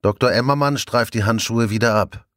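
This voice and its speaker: A man narrating an audiobook in a lively storytelling manner. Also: mid-range voice, brisk, no echo, studio quality.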